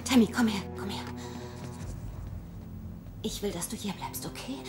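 A woman playing an anxious, protective young mother, gentle but worried, in a dubbed film drama. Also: mid-range voice, big pitch swings, unhurried, music in the background. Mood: worried, coaxing.

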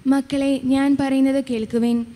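High-voiced woman reading scripture. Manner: steady measured reading. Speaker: lector. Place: church. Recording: reverberant church hall.

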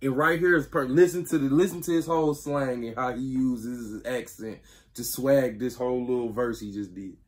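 A young man hosting a reaction video, talking casually in slang, excitable and often checking in with his listeners. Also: mid-range voice, normal speed. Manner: slangy, excitable, keeps asking "you feel me".

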